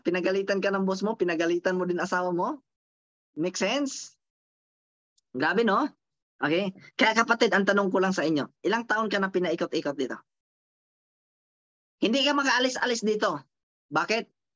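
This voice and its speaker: A woman's voice: medium pitch, a bit bright, dry recording, muffled recording. Woman speaker constantly asking her audience questions. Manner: keeps checking in with the audience with quick rhetorical questions; repeats and counts out phrases for emphasis. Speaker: motivational speaker. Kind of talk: lively seminar talk to an audience.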